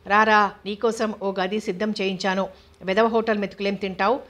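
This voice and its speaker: A woman's voice: mid-range voice, flat delivery, moderate pace, a bit bright, lightly acted. A woman voicing a fierce, possessive older mother-in-law in a storybook reading, commanding and harsh. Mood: sweet.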